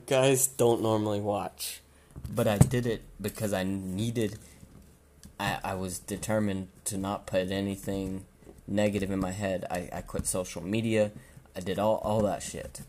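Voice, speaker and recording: A man hosting a podcast, giving blunt, casual advice and swearing freely, while he loses his voice and keeps clearing his throat. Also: lowish voice, steady tone, unhurried, a little mellow, a little hiss or hum. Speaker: podcast host.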